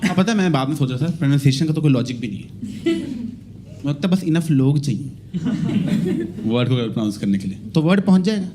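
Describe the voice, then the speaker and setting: Animated high-voiced male comedian. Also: fast talker, long pauses, noisy background. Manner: animated, mixing Hindi and English. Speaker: stand-up comedian. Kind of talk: stand-up comedy.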